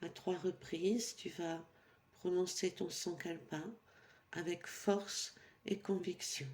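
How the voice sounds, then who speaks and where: With a lowish voice, a woman guides a yoga nidra session for sleep, giving calm, soothing instructions broken up by pauses.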